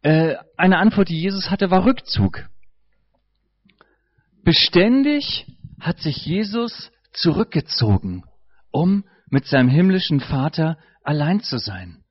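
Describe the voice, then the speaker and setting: A man's voice: on the high side, very animated, takes it slowly, dry recording, lo-fi sound. A man preaching a sermon in a conversational way, joking and putting questions to his audience.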